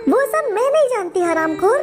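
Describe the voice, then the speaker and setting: A cruel, harsh sister-in-law barks insults in a shrill, very high voice, as a man puts her on. She scolds nonstop in this game story skit. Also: sing-song, normal speed. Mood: furious.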